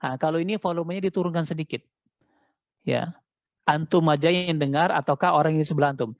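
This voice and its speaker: A man teaching Quran recitation in an online class, chanting verses slowly and then explaining them quickly, heard over dull call audio. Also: on the high side, no room sound. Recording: dull, lo-fi dry sound.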